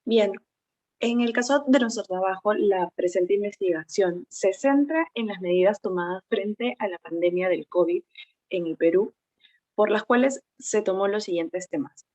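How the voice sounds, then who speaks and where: A woman's voice: mid-range voice, moderate pace, darkish tone. A 29-year-old woman presenting a class project, often adding "¿no?" and "este" as she explains. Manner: explains with tag questions "¿no?" and "este" fillers. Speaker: student presenter. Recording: dull, dry lo-fi audio.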